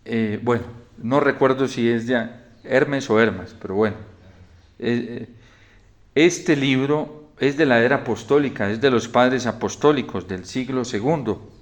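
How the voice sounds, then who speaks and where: A male priest preaching a homily in a storytelling manner, often falling to a quiet hush. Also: medium pitch, a little slow. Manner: storytelling, drops to a soft hush in quoted lines.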